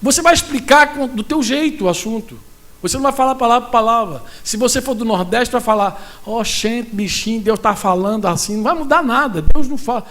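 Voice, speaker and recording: A man with a Brazilian Portuguese accent preaching at a pastors' conference, animated and talking straight to his listeners with frequent asides. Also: extremely high pitch, fast.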